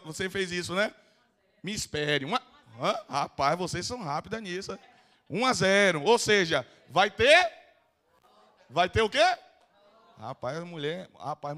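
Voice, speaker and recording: A Brazilian psychoanalyst with a Bahian Portuguese accent gives a live lecture in a council chamber, his voice high, bright and forceful. He playfully teases the audience and calls volunteers up to join him.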